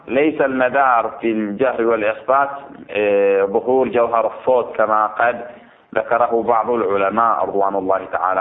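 A man teaching religious law to students. He explains a text, repeats his points and keeps checking whether they follow. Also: lowish voice. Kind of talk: seminary lesson explaining a text. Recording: tinny phone-like recording.

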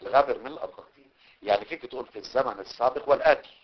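A man with a Levantine Arabic accent teaching a religious studies class, dictating notes, drawing out key words and checking that his students follow. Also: mid-range voice. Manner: explains slowly, checks understanding, stretches key words. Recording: dull lo-fi recording.

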